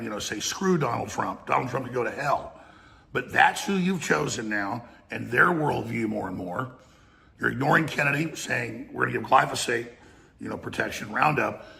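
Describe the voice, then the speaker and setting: Gravelly, forceful man ranting. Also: mid-range voice. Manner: combative, addresses target directly. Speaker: political commentator. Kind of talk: political rant played as a clip.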